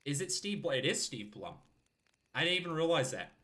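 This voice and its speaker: A man's voice: a little high, sing-song, brisk, pushed and bright. A man with a scratchy throat casually commenting, swearing and joking, while live-streaming a video game. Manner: casual, profane, jokey.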